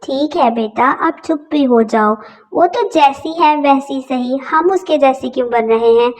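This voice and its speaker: A woman voicing a tired older mother-in-law who begs the family to keep quiet. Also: high voice, a little slow, rough recording. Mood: pleading. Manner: pleading, hushing.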